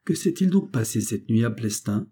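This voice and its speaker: A kind young peasant girl full of anxious questions, as a male reader puts her on. The husky, mellow voice lifts a little above its usual register for her. It is a storybook character read aloud, not fully acted. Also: mid-range voice, expressive, moderate pace, lightly acted. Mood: concerned. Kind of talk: audiobook character reading.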